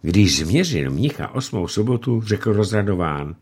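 A man with a low voice narrates an audiobook. His delivery is theatrical and lively, rising and falling widely. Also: breathy edge.

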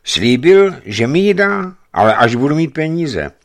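A gruff young giant watchman, big-voiced and lovesick, as a male narrator puts him on. He speaks up loudly and higher than a plain telling, with a lively lilt. It comes across as a storybook reading.

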